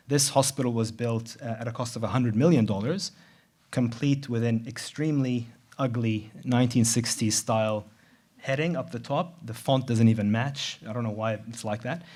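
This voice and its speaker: A middle-aged man from Dubai speaks at a conference in a voice of middle pitch. He talks in a conversational, measured way, now and then restarting a word. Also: darkish tone. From Middle East, grew up in Dubai. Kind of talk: conference presentation. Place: large venue.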